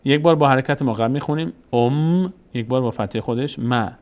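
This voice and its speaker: A man teaching Quran reading, explaining each rule and then slowly repeating syllables and whole words for learners to copy. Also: mid-range voice, a little mellow. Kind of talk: step-by-step recitation lesson.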